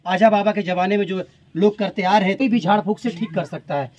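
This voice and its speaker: A man's voice: high voice, fairly quick, a little mellow. A man rescuing snakes outdoors in a village, narrating to camera and repeatedly addressing his viewers as friends. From India. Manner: repeats "friends" constantly, pleading urgently when the crowd threatens the snake. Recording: noisy outdoor crowd recording. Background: crowd of villagers talking.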